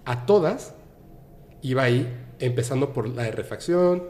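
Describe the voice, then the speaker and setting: Hombre mexicano contando una anécdota animada. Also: male voice, medium pitch, normal speed. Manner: animated, acts out the people he quotes, laughs often. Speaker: podcast guest. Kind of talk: casual storytelling.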